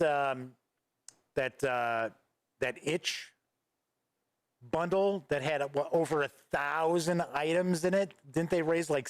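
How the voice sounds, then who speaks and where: A man with a fairly high voice hosts a gaming news livestream, reading chat messages aloud and answering them in a loose, rambling way. He's close on a studio microphone at his desk, and there's no echo.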